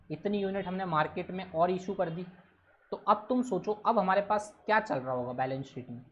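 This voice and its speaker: A male teacher giving a recorded lecture, explaining each step and repeating it, with English terms mixed into his Hindi. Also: high voice. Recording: dull lo-fi recording with faint noise.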